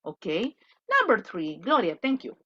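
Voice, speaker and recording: A Salvadoran woman teaching an online class, talking bluntly with animated asides. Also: medium pitch, unhurried, slightly rough, lo-fi sound. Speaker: English teacher.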